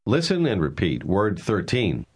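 A man with a very deep, husky voice reads out a recorded language lesson. His intonation moves a lot as he explains pronunciation step by step in a measured, instructive way. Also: huge pitch swings. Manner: measured, clear teaching delivery. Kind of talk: scripted instructional narration.

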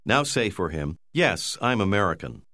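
A man narrating a language course, giving slow, clear, measured prompts. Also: low-pitched, sing-song, sharp tone, no room sound, studio quality. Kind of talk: scripted instructional narration.

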